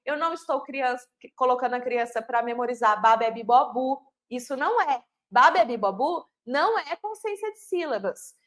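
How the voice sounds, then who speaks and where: A woman with a high voice and a Brazilian Portuguese accent teaches literacy in an online class. She explains patiently, often posing a question and answering it herself. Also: fairly bright tone.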